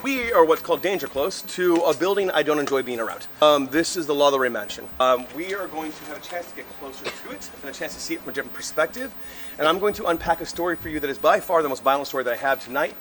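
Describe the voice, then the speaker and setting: A man working as a ghost tour guide, telling stories in an animated, theatrical way with casual, jokey asides. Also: a little high, fast. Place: outdoors on a city street walking tour. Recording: noisy outdoor street ambience.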